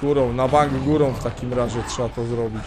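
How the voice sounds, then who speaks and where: A man doing let's-play commentary, excitable and swearing as he exclaims at the game. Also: medium pitch, a little fast, background noise. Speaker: gamer. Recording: voice over game music.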